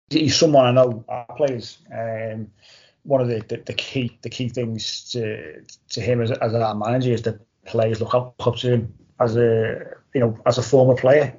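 A male panellist talks football casually, stressing points by repeating them. His pitch is average and moves very little, and the recording is somewhat dull and lo-fi. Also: little pitch movement, unhurried, darkish tone. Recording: dull lo-fi audio.

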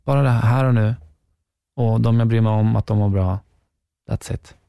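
A man's voice: on the low side, steady tone, vocal fry, warm tone, clear, resonant tone, dry recording, studio quality. A man who works in radio, a podcast guest, talking reflectively and repeating words for emphasis. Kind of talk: casual podcast chat.

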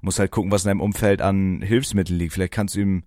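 Young man with a low voice, crude banter. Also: fairly even intonation, fast talker, mellow, no room sound, clean studio sound. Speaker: podcast co-host. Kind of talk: casual chat.

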